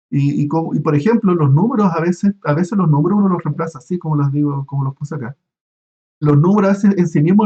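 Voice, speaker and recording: Halting lecturer on a lo-fi call. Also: male voice, fairly high pitch, dark tone, breathy edge. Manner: halting, many restarts and fillers, asks students questions. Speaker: university lecturer. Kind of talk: online class lecture.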